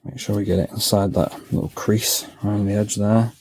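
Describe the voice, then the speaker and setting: Lowish-voiced man talking through garage work. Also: steady tone, brisk, a little mellow. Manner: chatty, talks himself through each task. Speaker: DIY car mechanic vlogger. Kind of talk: casual step-by-step commentary while working. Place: home garage.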